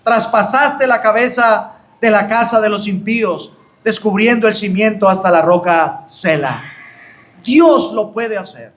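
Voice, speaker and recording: High-voiced Colombian preacher. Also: male voice, measured pace, a bit bright. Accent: Colombian Spanish. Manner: fervent preaching, rising on exclamations, addressing "hermanos". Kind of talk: sermon, Bible study.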